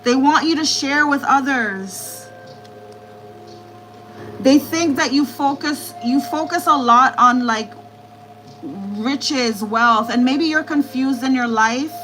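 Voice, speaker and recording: Woman, high voice, live tarot reader; reassuring, repetitive delivery over faint music. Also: takes it slowly, bright, forceful tone, rough recording. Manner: repetitive, reassuring, relays spirit messages. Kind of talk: live-stream tarot reading.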